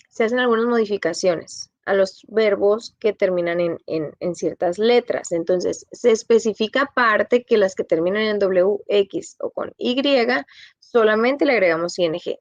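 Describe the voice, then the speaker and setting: Explaining points in Spanish and then repeating them in English, a woman gives a patient bilingual grammar lesson. Her pitch is medium, there's no echo, and the high frequencies are cut off.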